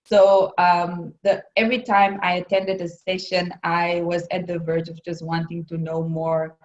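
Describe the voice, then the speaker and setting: A woman's voice: on the low side, flat delivery, a little slow. A woman student from Namibia, speaking thoughtfully on a video call. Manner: thoughtful, with ums. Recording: echoey muffled call audio.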